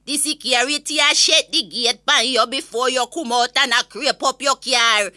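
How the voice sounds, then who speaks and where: An elderly Jamaican granny, acted by a woman, rants in a high, piercingly bright voice, very close and dry. She is opinionated and exasperated, spinning gossipy complaints as a comic audio-story monologue with a strong Jamaican accent. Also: normal speed, no room sound. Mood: exasperated, mocking.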